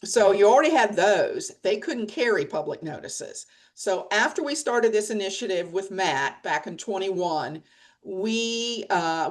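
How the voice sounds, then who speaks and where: A middle-aged woman leading a press association, talking bluntly and emphatically in a webinar discussion over a video call. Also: lowish voice. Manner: blunt, plain-spoken, emphatic.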